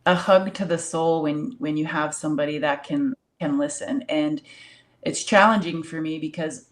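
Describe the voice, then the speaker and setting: A woman's voice: low voice, normal speed. A woman in a casual spiritual discussion, talking in a rambling way with many fillers and frequent laughs.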